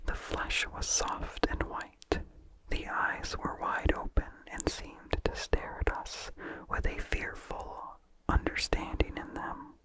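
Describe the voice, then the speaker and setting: In a low-quality recording, a narrator works through vintage horror fiction in an unvoiced, breathy ASMR whisper, each phrase slow and deliberate.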